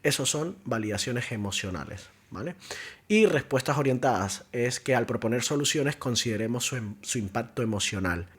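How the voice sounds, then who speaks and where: Husky-voiced man teaching a course. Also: medium pitch, animated, moderate pace. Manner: explanatory, acts out agent and caller lines, asks rhetorical questions. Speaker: contact center trainer. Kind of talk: online course lesson.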